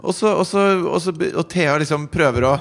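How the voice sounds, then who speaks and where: A man in his thirties telling a story in casual chat, animated and laughing, acting out quotes. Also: fairly high pitch.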